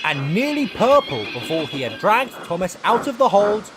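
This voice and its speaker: A man reading a children's storybook aloud as narrator, expressive and unhurried. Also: high-pitched, noisy background.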